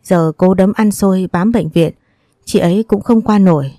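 A woman voicing a practical middle-aged woman who works in health care, softly persuading a relative. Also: medium pitch, normal speed, no room sound, clean studio sound, close to an everyday voice. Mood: coaxing. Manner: soft, persuasive.

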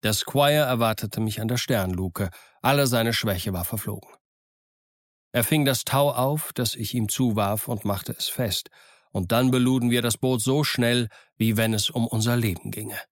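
A man narrating an adventure audiobook in a steady, measured reading. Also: medium pitch, no room sound, clean studio sound. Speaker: audiobook reader. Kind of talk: scripted narration.

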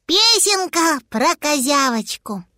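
A woman voicing a small, childlike male dragon who is eager and boastful, in a high, drawn-out, sing-song voice. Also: big pitch swings, bright, forceful tone, no echo, studio quality, full character voice.

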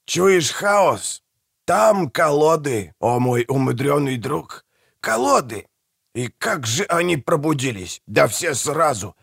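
A toothless old market trader, as a male reader puts him on, all fawning, conspiratorial patter. His voice is gravelly and husky, and it leaps up and down in pitch. The reading is close and dry, with no room sound. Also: sing-song, takes it slowly, a bit bright, dry recording, heavily acted. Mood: wheedling. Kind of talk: audiobook character voice.

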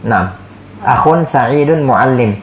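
A man teaching an Arabic lesson at an unhurried pace, patient and repetitive, with a steady mid-range voice. The recording is echoey and dull, like a lo-fi room capture. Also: mid-range voice. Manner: patient, repeats words and says "ya" often. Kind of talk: classroom lesson, explaining Arabic in Indonesian.

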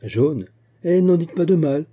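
A man's voice: fairly high pitch, lively intonation, unhurried, mellow, slightly rough, voice pushed up. A man reading aloud and voicing a seasoned musketeer captain who speaks courteously and wryly. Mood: gallant.

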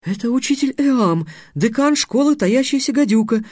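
A man voicing a cheerful young noble girl speaking brightly and excitedly. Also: very high voice, moderate pace, no room sound, studio quality, voice pushed up. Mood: joyful. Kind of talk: audiobook character voice.

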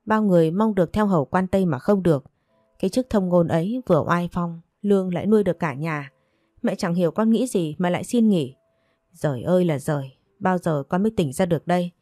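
A woman voicing a domineering old mother-in-law who scolds fast and loud in a storybook reading. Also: lowish voice, dry recording, clean studio sound, close to an everyday voice. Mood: furious scolding.

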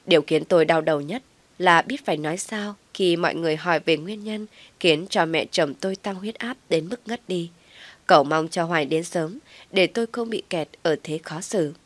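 A woman calmly narrating a first-person family drama story. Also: on the low side, normal speed, dry recording.

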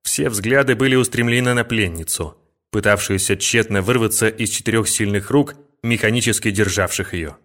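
A man reading a literary novel aloud as an audiobook, in a measured and expressive way. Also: on the low side. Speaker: audiobook narrator.

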